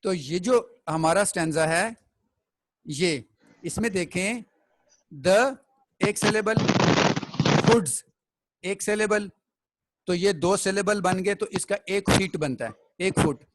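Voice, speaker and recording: A man's voice: sits high, a little slow, noisy background. A man teaching a classroom poetry lesson. He explains step by step and keeps checking that the students follow.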